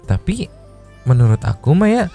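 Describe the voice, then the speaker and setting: Mocking man with a lively, animated voice. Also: normal speed, gravelly. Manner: mocking, jumps high to imitate others, laughs often. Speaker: podcast host reacting to clips. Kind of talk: casual commentary chat. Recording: music playing faintly behind.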